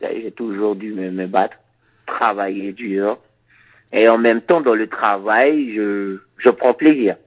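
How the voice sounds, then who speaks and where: Answering interview questions with hesitant, reflective phrasing and plenty of repeated words, a Dutch-speaking reggae musician from Suriname talks in a lowish voice. The recording sounds thin and tinny.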